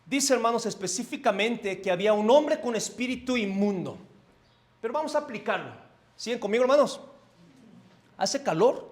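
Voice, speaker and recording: High-voiced Mexico City pastor preaching. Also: male voice, normal speed. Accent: Mexico City Spanish. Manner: animated, asks the congregation questions, swings between loud and soft. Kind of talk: conversational sermon. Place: church sanctuary.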